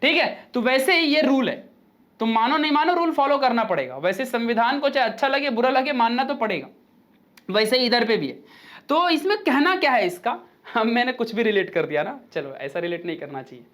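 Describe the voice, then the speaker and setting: A male physics teacher, giving a chatty, informal online lecture in which he reads rules out slowly and then explains them with joking asides. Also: very high-pitched, animated, fairly bright tone.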